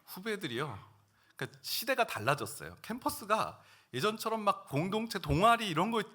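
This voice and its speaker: Male pastor, middle-aged, sermon, lively pitch, bright voice, hushed to loud. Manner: personal storytelling, emotional swings from hushed to loud. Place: church sanctuary.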